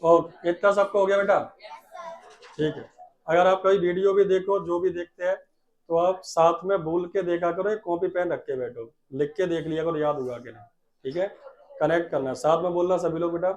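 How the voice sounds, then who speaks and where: A male teacher in a classroom, dictating English lines slowly and urging the students to repeat them. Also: high-pitched, a little mellow, dull audio. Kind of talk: classroom English lesson with Hindi explanation. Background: class of children.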